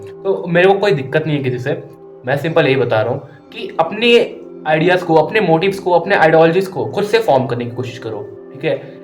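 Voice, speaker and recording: A man's voice: a little high, roomy sound. A tired, sleepless man giving an earnest, casual motivational talk, mixing English into Hindi and often checking in with his listeners. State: tired and sleepless, tongue stumbling. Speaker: self-improvement vlogger.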